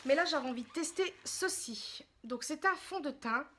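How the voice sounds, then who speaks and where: Brief: a bubbly woman with a high voice for a casual beauty vlog, gushing and chatty. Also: moderate pace, a little hiss or hum. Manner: excitable, gushing, chatty and apologetic. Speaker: beauty vlogger. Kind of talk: casual makeup haul chat.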